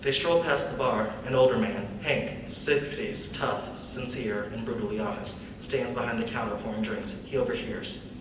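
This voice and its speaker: A young adult man reads stage directions aloud as scripted narration for a dramatic reading, speaking at medium pitch and a moderate pace. He's recorded from far off in an echoey hall, and the audio is noisy.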